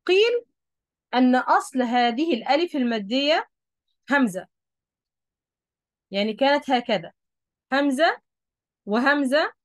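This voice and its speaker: A woman's voice: high voice, animated, a little slow, pauses often, dry recording. Woman with an Egyptian accent teaching. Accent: Egyptian Arabic. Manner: patient, repeats key points, checks understanding. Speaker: Quran recitation teacher. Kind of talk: explaining a lesson at a board.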